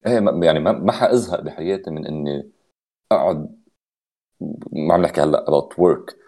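Very deep Lebanese man mixing Arabic and English. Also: a little fast, warm tone. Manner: mixes Arabic and English mid-sentence. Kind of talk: casual podcast chat.

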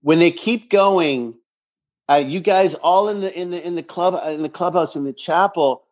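A man's voice: sits high, moderate pace, a little mellow. A man co-hosting a casual recap podcast, speaking emphatically and effusively, often repeating his phrases. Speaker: podcast co-host.

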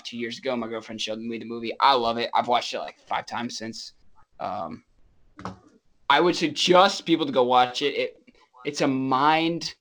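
A man co-hosting a casual podcast, talking in an animated, easygoing way. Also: mid-range voice. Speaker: podcast co-host. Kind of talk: casual chat.

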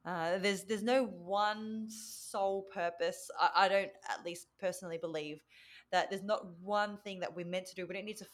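A woman mentor speaking as a podcast guest, earnest and reflective in a measured way. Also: mid-range voice, steady tone. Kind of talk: reflective interview talk.

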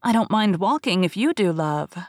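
A woman's voice: mid-range voice, lively intonation, moderate pace, no echo, studio quality, natural voice. A woman voicing a coaxing young wife in a folk tale.

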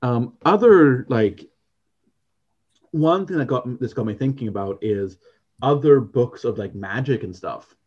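Mellow-voiced man rambling through a chat. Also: medium pitch, lively intonation, unhurried, husky, lo-fi sound. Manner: rambling, with many fillers and restarts. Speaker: podcast co-host. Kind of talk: casual chat.

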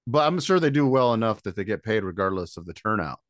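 Guest musician, male, from Michigan, low voice, relaxed and laughing, dry sound. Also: quick pace, dry recording. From Michigan, USA. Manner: easygoing, laughs often. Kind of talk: casual interview chat.

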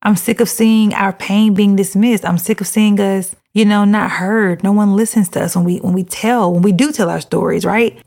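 A woman's voice: mid-range voice, fairly even intonation, normal speed, vocal fry, hardly any pauses, a little mellow. A woman speaking earnestly and casually to her listeners, full of "you know" and repeating her main points for emphasis. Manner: emphatic, repeats key phrases for stress. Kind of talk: earnest monologue on mental health.

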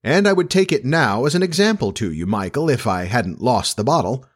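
A man's voice: mid-range voice, expressive, a little fast, lightly acted. A man playing a proud, childish, middle-aged father in a storybook, pompous, indignant and self-pitying. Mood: falsely brave.

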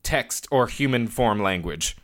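A man in his thirties co-hosting a podcast in casual chat, animated and laughing often. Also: mid-range voice, measured pace. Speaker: podcast co-host.

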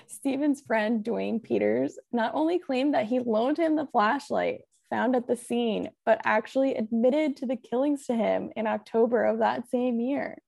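A woman's voice: on the high side, normal speed, gravelly, hardly any pauses, a little mellow. A young woman podcast host telling a true-crime case in a chatty, casual way, full of "like" and "um". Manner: chatty, full of "like" and "um", laughs often.

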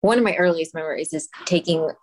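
A woman's voice: low voice, fast talker. A woman musician from Los Angeles being interviewed over a video call, talking casually with frequent laughs and ums. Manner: warm, laughs often, many ums. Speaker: musician guest.

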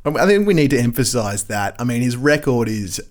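A man's voice: medium pitch, very animated, fairly quick. A man co-hosting a casual sports chat, talking in a laid-back, slangy, matey way. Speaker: sports podcast co-host.

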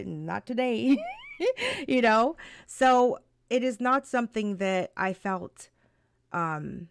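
A woman co-hosting a live-stream talk, chatting casually, animated and laughing often, with many restarts. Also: medium pitch, gravelly, no echo, clean studio sound.

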